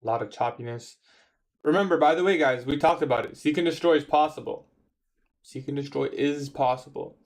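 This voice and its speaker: A livestream trader in his twenties answers viewer questions in a brisk, fairly high-pitched voice. He keeps things laid-back and slangy, saying "bro" a lot.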